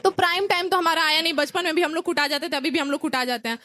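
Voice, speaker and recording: A young woman from India, performing stand-up comedy and telling lively stories in which she acts out relatives and friends. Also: sits high, rapid-fire, a little hiss or hum. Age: young adult.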